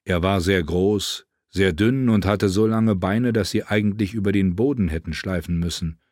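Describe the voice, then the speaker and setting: A man narrating an audiobook in a measured, even storytelling manner. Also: low voice, dry recording, studio quality. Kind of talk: scripted narration.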